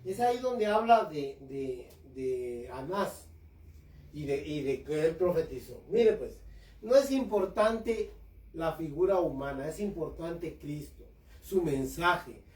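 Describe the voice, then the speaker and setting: Far from the mic in an echoey room, a preacher speaks slowly but animatedly in a fairly high, slightly mellow voice. His sermon is impassioned, and he addresses his listeners as brothers.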